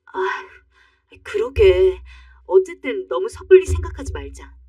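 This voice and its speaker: A woman voicing a sympathetic female friend who speaks in a soft, reassuring way. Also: medium pitch, sing-song, measured pace, breathy edge, dry recording, recorded from a distance.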